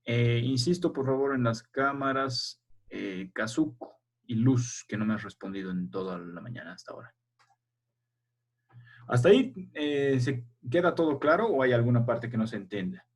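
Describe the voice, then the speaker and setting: A man with a mid-pitched, slightly husky voice teaches primary school children over a video call. He explains patiently one step at a time and stops often to ask whether everyone understands. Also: expressive, moderate pace. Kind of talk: online class teaching.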